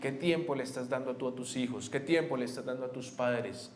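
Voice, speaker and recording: A young adult man, preaching a sermon as a pastor. He talks earnestly, moving between animated and quiet, reflective moments. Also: mid-range voice, a little fast. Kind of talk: sermon storytelling. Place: church sanctuary. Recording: echoey church hall, faint guitar.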